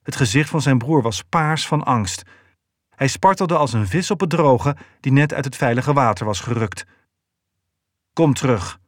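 A man reading a novel aloud in a steady, even storytelling voice. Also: medium pitch, moderate pace, no echo, studio quality. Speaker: audiobook narrator. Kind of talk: scripted narration.

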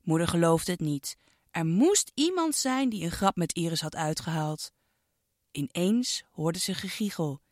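A woman narrating a children's storybook with an expressive, sing-song delivery aimed at a child listener. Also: on the low side, measured pace, no echo, studio quality.

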